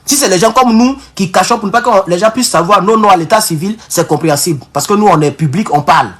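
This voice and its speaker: A man's voice: high-pitched, fast, fairly bright tone. Fervent African-accented man on a political livestream. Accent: African French. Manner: fervent and exhortative, repeatedly addressing his viewers as comrades; repetitive and emphatic, often restarting words. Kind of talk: live-streamed political commentary.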